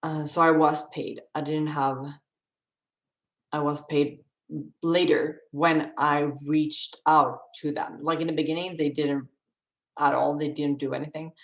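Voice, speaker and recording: A woman's voice: sits low, level tone, measured pace, echoey room. A young woman from Sweden with a Swedish accent, chatting casually on a live stream as she answers viewer questions and laughs often.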